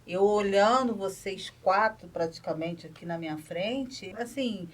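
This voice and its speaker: A woman's voice: mid-range voice, unhurried, recorded from a distance. A woman guest on a podcast, telling her story in a chatty, storytelling way with many asides. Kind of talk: casual podcast chat.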